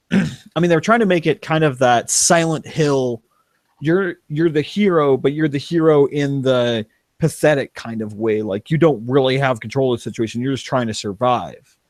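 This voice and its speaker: A man's voice: medium pitch, moderate pace, no echo. A young man talking as a podcast guest, rambling, restarting his sentences and laughing. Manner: rambling, self-interrupting, laughs. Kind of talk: casual chat.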